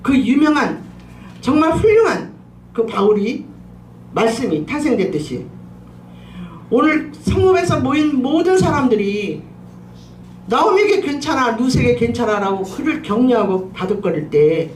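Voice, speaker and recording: Animated woman preacher in a roomy hall. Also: moderate pace, long pauses, a little hiss or hum. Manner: animated, emphatic preaching with swooping pitch. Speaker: pastor, preacher. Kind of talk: sermon with personal testimony. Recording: roomy echo, distant mic, faint ambience.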